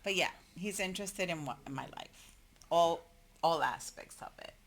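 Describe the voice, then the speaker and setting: A woman in her forties with a bright yet slightly low voice co-hosts a relationship podcast with her husband. She rambles chattily, tells anecdotes, and laughs often. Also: normal speed. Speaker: podcast co-host. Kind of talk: casual couple chat.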